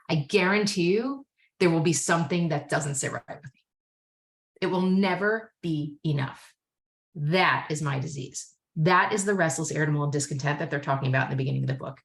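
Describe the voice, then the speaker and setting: A woman with a low-pitched voice speaks candidly at a recovery meeting. She tells her story with lively, quick asides and plain, frank wording. She sounds like an adult with a family. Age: adult, married with kids.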